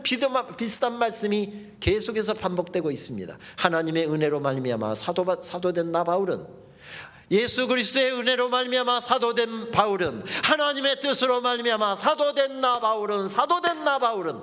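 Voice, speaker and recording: A male pastor preaching a lively revival sermon, often dropping into playful dialect quotes. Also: high voice, in a large hall.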